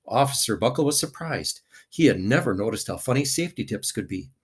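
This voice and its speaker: A man's voice: medium pitch, lively intonation, fairly quick, breathy edge. A man reading a children's picture book aloud expressively, with dramatic emphasis.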